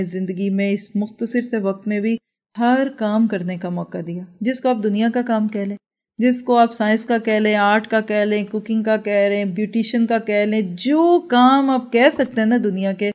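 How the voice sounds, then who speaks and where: A woman teaching a Quran class in an animated lecture, telling personal stories and asking many rhetorical questions. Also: medium pitch.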